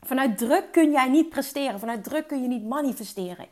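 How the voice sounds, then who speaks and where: High-voiced woman coaching with energy. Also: brisk. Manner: energetic, mixes English words into Dutch, emphatic repetition. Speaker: podcast host and business coach. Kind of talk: solo motivational podcast talk.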